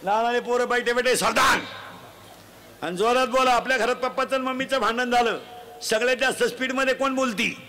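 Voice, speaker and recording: A man giving a humorous moral sermon to a festival crowd, teasing and quizzing the children loudly. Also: extremely high pitch, steady tone, fairly quick. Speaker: folk preacher addressing a crowd. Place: outdoor festival gathering. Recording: noisy live crowd recording.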